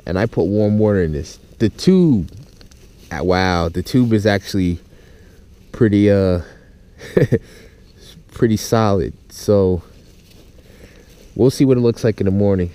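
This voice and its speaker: Pausing often and speaking slowly, a man with a warm, low voice addresses his viewers informally without a script. He's an outdoor gear vlogger filming in a yard, both inside and around a tent.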